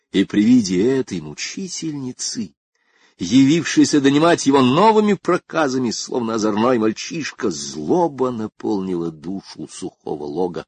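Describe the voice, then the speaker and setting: A man reads a story aloud in an unhurried, expressive way. His low voice is gravelly and husky, and his pitch rises and falls widely. The recording is close and dry. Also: no room sound. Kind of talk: scripted narration of a story.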